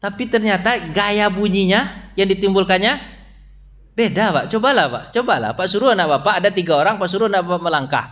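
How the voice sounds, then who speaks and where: This is a dawn study sermon in a mosque hall, given by a man with a high voice who speaks Indonesian-accented speech peppered with Malay-style colloquialisms. Turning often to the congregation, he asks "Pak" quick questions, imitates sounds and voices, and shifts between loud, elevated peaks and hushed asides.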